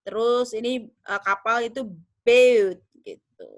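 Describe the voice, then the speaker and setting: A young woman teaching English pronunciation in a class, drilling words slowly and checking that students follow. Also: fairly high pitch, a bit bright. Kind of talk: online pronunciation lesson.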